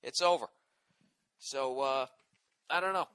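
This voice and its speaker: A man's voice: mid-range voice, unhurried, pushed and bright, smooth. Profane ranting man with a Boston accent. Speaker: podcast host. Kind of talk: solo podcast rant.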